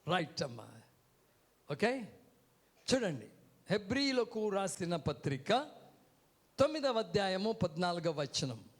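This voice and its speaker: A man's voice: sits high, sing-song, slow pace, long pauses. A man preaching a sermon from a church stage, calling out to the congregation and having them repeat words back. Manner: keeps calling out "hello" to the crowd. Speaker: guest preacher. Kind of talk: sermon with call-and-response.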